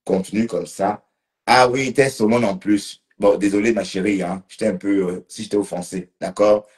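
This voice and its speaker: A man's voice: lowish voice, fairly even intonation, moderate pace, darkish tone. A man a bit tipsy, rambling casually on a live stream and talking to commenters by name. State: slightly tipsy.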